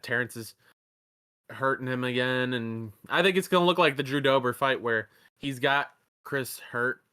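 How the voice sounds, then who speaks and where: A man's voice: medium pitch, pushed and bright, smooth. A man giving casual, rambling fight predictions, laid-back and often profane. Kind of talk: casual chat.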